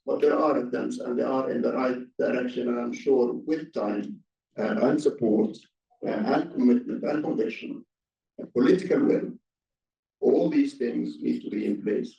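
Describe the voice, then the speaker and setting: A man on a conference panel answering, halting and repeating words. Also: mid-range voice, gravelly, warm tone. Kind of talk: panel discussion. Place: conference room. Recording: dull, roomy distant hall audio.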